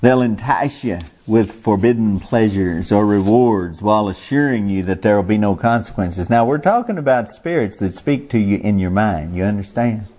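Folksy preaching man with a mellow voice. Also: on the low side. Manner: folksy, preaching with rhetorical questions and chuckles. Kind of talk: sermon.

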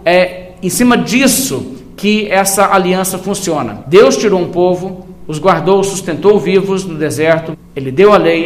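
A man preaching a Bible study in a measured, emphatic way, slowing down to stress his points. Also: high-pitched.

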